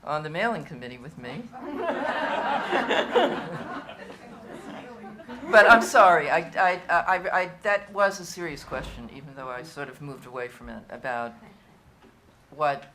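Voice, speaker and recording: A woman speaking as a panelist at a museum discussion, halting and self-correcting. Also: sits low, lively intonation, crowd noise. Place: museum event room.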